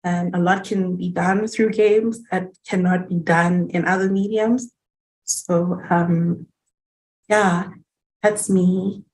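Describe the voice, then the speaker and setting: A woman with a lowish, level voice talks about her art practice in a halting way, full of fillers. She speaks into a webcam on a video call from home. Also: poor audio. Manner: flat, hesitant, many fillers. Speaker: digital artist and game developer. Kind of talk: panel introduction on a video call.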